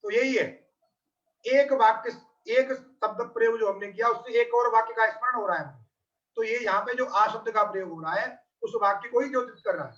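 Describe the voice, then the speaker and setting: A man's voice: extremely high pitch, normal speed, fairly bright tone. A man teaching Sanskrit grammar in a patient, repetitive way. He often asks his students whether they have understood. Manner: repeats phrases, often asks "got it or not?". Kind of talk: explanatory lesson. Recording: dull, distant lo-fi recording.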